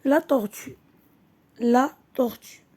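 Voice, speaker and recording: A woman teacher, giving a slow classroom lesson. She stretches each word, repeats it, and switches between French and Arabic to explain. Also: sits high, mellow, breathy edge.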